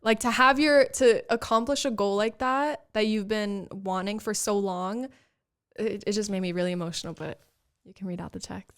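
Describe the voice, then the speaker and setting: A woman's voice: medium pitch, moderate pace. A young woman co-hosting a podcast in casual chat, telling stories animatedly with lots of fillers. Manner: animated, emotional storytelling with many fillers. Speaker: podcast co-host.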